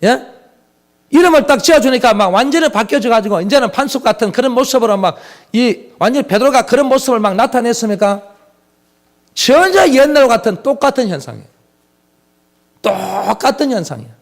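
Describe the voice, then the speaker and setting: Male pastor, high and lively voice, emphatic preaching with rhetorical questions. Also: brisk. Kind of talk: sermon.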